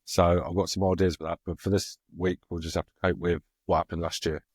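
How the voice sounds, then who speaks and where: Casting: man, host reading pub-quiz questions, very low voice, dry close sound. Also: little pitch movement, brisk, breathy edge, no room sound. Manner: asks quiz questions, laughs easily. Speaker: podcast host running a quiz. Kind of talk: casual chat.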